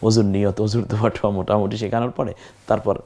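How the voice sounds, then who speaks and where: A man with a fairly low voice leads a recorded Quran reading lesson. He speaks straight to the viewer in a patient way. He draws out each practice syllable slowly, one after another. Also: little pitch movement, mellow.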